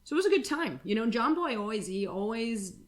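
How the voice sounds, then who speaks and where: A woman's voice: fairly high pitch, big pitch swings, fairly quick. A woman co-hosting a podcast, chatting casually with frank, crude storytelling, many fillers and restarts. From United States. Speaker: podcast co-host. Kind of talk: casual chat.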